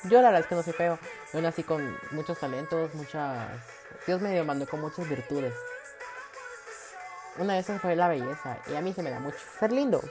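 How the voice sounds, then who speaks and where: Un hombre con acento centroamericano que habla en su podcast de forma casual, chismosa y presumida, con cambios dramáticos de tono. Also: male voice. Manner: dramatic, gossipy and boastful, with big swings in pitch and loudness. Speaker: podcast host.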